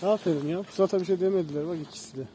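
A man filming a casual vlog outdoors, calling to his dogs, switching between loud commands and soft praise. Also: sits high, very fast. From Turkey. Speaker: dog owner vlogger. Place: outdoors by a dog enclosure. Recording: noisy outdoor phone recording. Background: dogs and outdoor noise.

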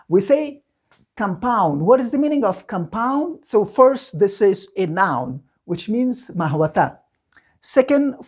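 A woman's voice: fairly low pitch, darkish tone. Encouraging Afghan Dari-accented woman teaching. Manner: encouraging, repeats each word slowly for students; mixes Dari and English. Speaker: English teacher. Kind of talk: language lesson.

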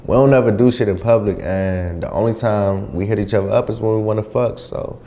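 A man's voice: lowish voice, steady tone, fairly quick, mellow, close to an everyday voice. An actor playing a conflicted young man in a long relationship, talking in casual slang. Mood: weary. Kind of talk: web drama acting.

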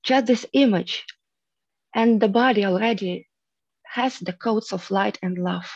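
A woman in her thirties, from Russia, leading a spiritual guided teaching on a video call, speaking softly and earnestly with drawn-out pauses. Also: mid-range voice, no room sound. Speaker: meditation group leader. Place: room at home, indoors. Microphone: headset on a video call. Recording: muffled video call audio.

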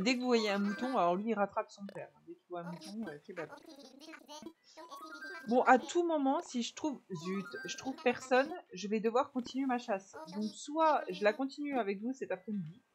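A woman chatting softly with viewers while she streams a video game on a headset mic. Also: medium pitch. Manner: soft-spoken, chatty with viewers. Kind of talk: casual live-stream chat while playing. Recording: game music under the voice. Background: game music.

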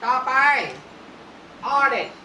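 Distant, echoey woman teacher drilling words. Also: sharp tone. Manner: repeats each word slowly, coaxing and firm with children. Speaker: kindergarten teacher. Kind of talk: classroom vocabulary drill. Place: classroom. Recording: echoey room from far off, clear noise.

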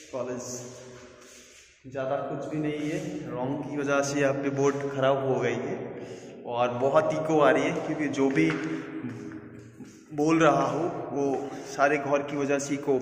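A man's voice: mid-range voice, steady tone, measured pace, long pauses, a bit bright. A young man guides viewers through an empty college building, talking casually as he walks with a handheld phone. His mid-range voice rings out with a long hall echo from the bare rooms. A faint hiss sits underneath the recording. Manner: chatty, guiding the viewer around. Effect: heavy echo of an empty hall. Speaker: student vlogger. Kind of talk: casual walking vlog tour. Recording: echoey hall with faint noise.

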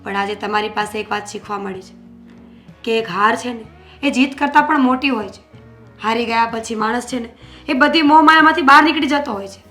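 A woman playing a calm, resigned wise woman. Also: on the high side, a little fast, soft background music. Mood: reflective. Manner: calm, reflective, philosophical.

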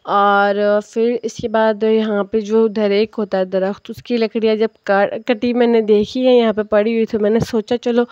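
A Kashmiri woman narrates her casual vlog of daily village life, chatting and explaining things to viewers. Her voice is on the high side with a darkish tone, with no room sound, captured on a dull lo-fi phone.

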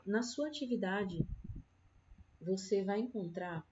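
A woman's voice: mid-range voice, animated, takes it slowly, noisy background. Patient Brazilian woman teacher, dull sound. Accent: Brazilian Portuguese. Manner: patient, explaining, keeps adding "né?". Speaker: primary school teacher. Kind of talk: online lesson for children. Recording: dull lo-fi sound with faint guitar.

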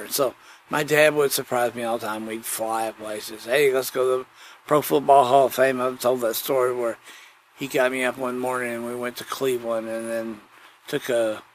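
This medium-pitched male voice comes through poor audio with a bit of background noise. Hosting a podcast alone, he rambles in a folksy, digressive way and keeps looping back to say the same phrases again.

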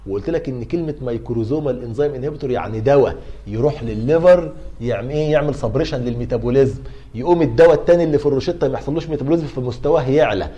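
A man's voice: mid-range voice, mellow, highs cut off. A middle-aged man with an Egyptian accent giving a university pharmacology lecture, asking and answering his own questions to coax his students along. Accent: Egyptian Arabic.

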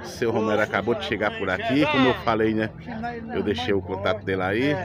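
Pernambuco guy vlogging round a cattle market, lowish voice, crowd noise everywhere. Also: fairly quick. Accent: Pernambuco Portuguese. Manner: chatty, addresses viewers, thanks people often. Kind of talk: casual guided tour. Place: outdoor cattle and feed market. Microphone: camera held by the speaker. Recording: lively crowd around outdoors.

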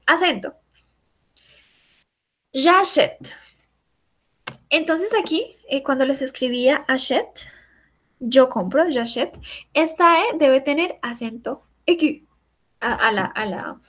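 A woman teaching a French class, patiently explaining and repeating each example slowly. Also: high voice, a bit bright.

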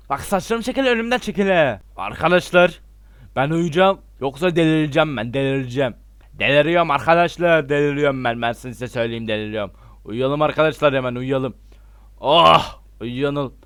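A man giving excitable, casual gameplay commentary, shouting out reactions and talking straight to his viewers as friends. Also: fairly high pitch, no echo. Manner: excitable, loud exclamations and slangy swearing; talks to viewers as friends, repeats himself. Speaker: gameplay YouTuber.

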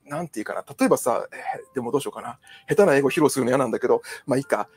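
A man's voice: medium pitch, animated, racing, a little mellow, slightly rough. A Japanese male counselor talking casually on his own, rambling with many fillers and asides. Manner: chatty, digressive, many fillers. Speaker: psychological counselor. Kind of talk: casual solo talk.

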